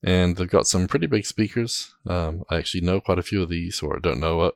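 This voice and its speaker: A man hosting a tech podcast, leading segments in a relaxed, upbeat casual chat. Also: sits low, brisk, vocal fry, no room sound. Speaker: podcast host.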